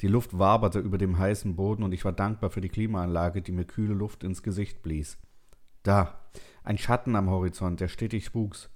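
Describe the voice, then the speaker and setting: A man with a lowish voice reads a story in first person. He keeps a calm, measured pace through the narration. The reading is steady and even.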